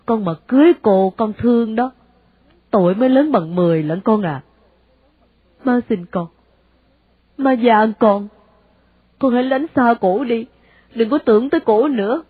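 Woman as a desperate older mother, Southern Vietnamese accent, husky, imploring, tinny lo-fi audiobook. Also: on the high side, unhurried, long pauses, no echo. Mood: pleading. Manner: imploring, sighing exclamations. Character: anguished older mother, devout and pleading.

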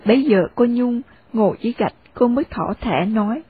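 Woman narrating a story, husky and dry. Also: on the high side, brisk, no room sound. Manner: steady storytelling. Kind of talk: audiobook narration. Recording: dry, phone-like narrow sound.

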